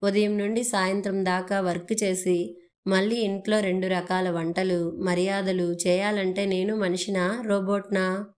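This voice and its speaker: A proud young working wife who stands her ground and talks with indignation, as a woman narrator reads her. This is a storybook reading at a middling pitch. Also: level tone, unhurried, a little mellow, close to an everyday voice. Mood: angry. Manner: heated, indignant delivery.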